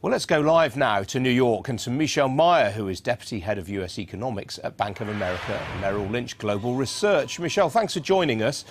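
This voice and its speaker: A man's voice: medium pitch, expressive, brisk, few pauses, noisy background. Apologetic male news anchor. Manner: apologetic, composed newsreader delivery. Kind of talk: live television interview.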